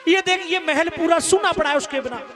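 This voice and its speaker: A man's voice: very high-pitched, a little fast, voice pushed up. A male storyteller voicing an aged, heartbroken mother who dotes on her little son, in a plaintive sing-song way. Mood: grieving. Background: instrumental music.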